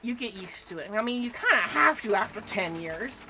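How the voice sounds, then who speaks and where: A woman's voice: on the high side, animated, fairly quick, bright, forceful tone, slight background noise. A woman chatting casually on her game stream, rambling and teasing. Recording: faint music behind the voice.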